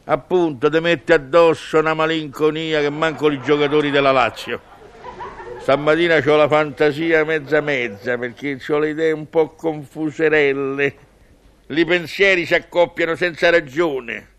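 A man's voice: on the high side, steady tone, normal speed, a bit bright. A man with a Roman accent delivering a humorous, musing monologue in colloquial dialect, conversational and wry. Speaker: comic monologist.

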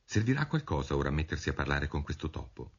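A chatty, well-meaning young girl talks eagerly in a raised, lively voice, as a man puts her on. Her pitch bounces up and down as she chatters on. The storybook reading comes through a dull, muffled radio recording. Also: fast, husky, full character voice. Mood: musing.

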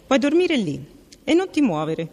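A woman voicing a spoiled, bossy young princess who exclaims in a shrill voice, in a reverberant room. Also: very animated, a little slow, a little mellow, exaggerated voice. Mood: snappish.

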